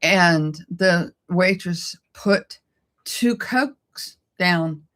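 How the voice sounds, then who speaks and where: A woman's voice: lowish voice, drawn-out words, fairly bright tone. A middle-aged woman co-hosting a casual chat, telling a personal story in an emotional way and laughing often. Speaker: co-host.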